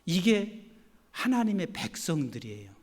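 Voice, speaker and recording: A man preaches in a big, echoing church hall. His voice sits high and swings widely in pitch as he tells stories and acts out the quotes in them. The reverb hangs long after each phrase. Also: measured pace. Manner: animated storytelling with acted quotes. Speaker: pastor. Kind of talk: sermon.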